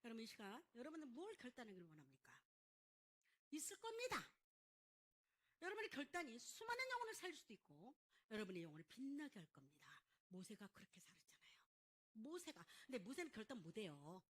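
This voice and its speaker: A woman's voice: a little high, wildly swooping pitch, fast, a bit bright. A middle-aged woman pastor preaching a sermon with emphatic call-and-response questions, acting out the lines of biblical figures. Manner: acts out biblical figures' lines in dramatic voices.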